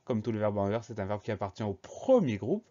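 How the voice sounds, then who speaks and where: A man teaching a spelling lesson, spelling words out letter by letter in a slow, deliberate way. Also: fairly low pitch, sing-song, warm tone, dull audio.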